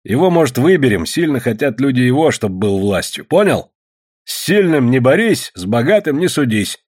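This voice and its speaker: Steady older prospector, read by a man; husky, measured, admonishing. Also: medium pitch, pitched above the performer's own voice. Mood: stern.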